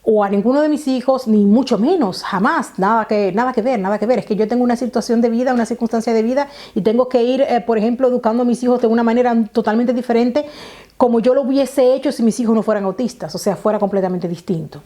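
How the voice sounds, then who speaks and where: Speaking fast in a warm voice on the high side, this woman from the Dominican Republic vlogs to camera. She explains things casually, leans on many fillers, and tends to repeat her phrases.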